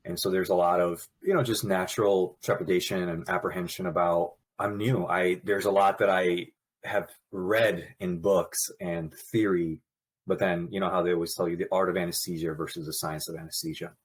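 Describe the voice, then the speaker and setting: Husky and low, the voice belongs to a man in his thirties from Pakistan who grew up in Brooklyn, New York. He's a nurse anesthetist guesting on a podcast, candid and lively in his storytelling, quick to laugh.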